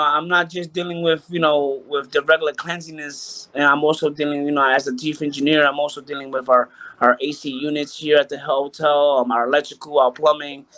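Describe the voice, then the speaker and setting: A hotel chief engineer from Puerto Rico joins a casual interview as a guest over video call, frequently repeating phrases and restarting sentences. His voice is on the high side with a fairly bright tone.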